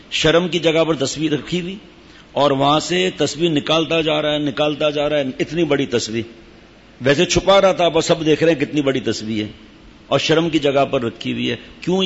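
At a gathering in a Sufi lodge, a sheikh gives his disciples an informal, conversational religious talk, now and then breaking off for asides to them. His voice is a little high and husky, and the hall recording sounds dull and echoey.

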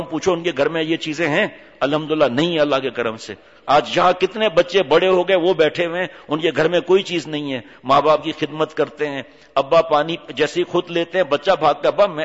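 Preacher guy scolding w lots of rhetorical questions, highish voice, echoey hall. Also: fairly bright tone. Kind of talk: sermon. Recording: reverberant hall, dull lo-fi sound.

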